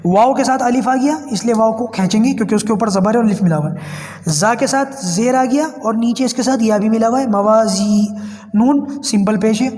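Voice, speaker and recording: High-voiced man teaching slow spelling drills. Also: a little mellow, reverberant, in a large hall. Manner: slow drawn-out spelling drills between brisk explanations. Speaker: Quran reading teacher. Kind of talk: spelling lesson for learners.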